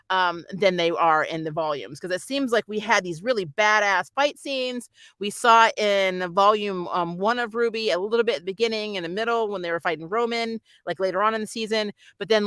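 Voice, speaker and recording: A reviewer who hosts the channel offers casual fan commentary on a show, giggly and animated, frequently imitating the characters. Her mid-range voice is a bit bright and the recording is dry.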